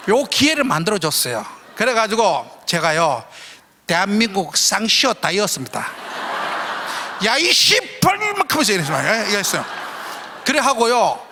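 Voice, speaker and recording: A man preaching in a church, telling a story in an animated way and acting out his own shouts. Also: high-pitched, slight background noise. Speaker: guest preacher. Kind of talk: storytelling sermon. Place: large church hall. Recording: echoey church hall.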